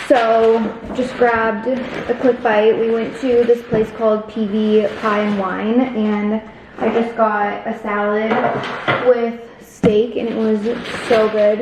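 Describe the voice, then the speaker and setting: Gushing young woman in an echoey room. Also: fairly high pitch. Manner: chatty, gushing, many "like" fillers. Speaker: vlogger. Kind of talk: casual vlog narration. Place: empty apartment, indoors. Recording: echoey empty rooms, faint background noise.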